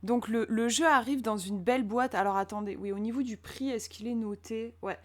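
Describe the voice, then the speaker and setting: A woman's voice: a little high, normal speed. A young woman giving a casual review of a tarot deck, hesitant and full of fillers and restarts.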